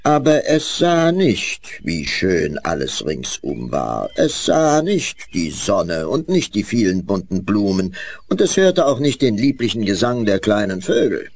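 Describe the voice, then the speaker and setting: A man narrating a children's fairy tale in an expressive storytelling way. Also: lowish voice, measured pace.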